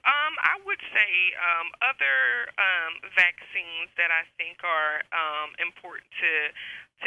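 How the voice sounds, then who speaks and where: A woman's voice: low voice, sharp tone, dry recording. A woman speaking over an old, crackly landline phone that fades in and out. She is a medical provider being interviewed and hesitates with many ums and restarts. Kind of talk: call-in interview. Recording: dull, dry phone line.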